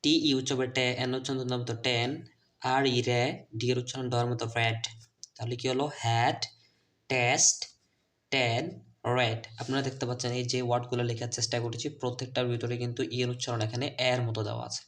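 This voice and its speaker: A man teaching English letter sounds to children's teachers and parents. His first language is Bengali. He spells out the letters and repeats each word slowly. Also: medium pitch, level tone, a bit bright. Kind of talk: phonics lesson video.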